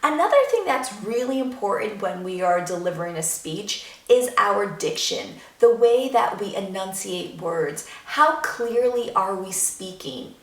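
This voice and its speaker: A woman drama teacher giving a clear, instructive video lesson to students. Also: mid-range voice, expressive, a little slow, hardly any pauses, a bit bright, roomy sound, recorded from a distance.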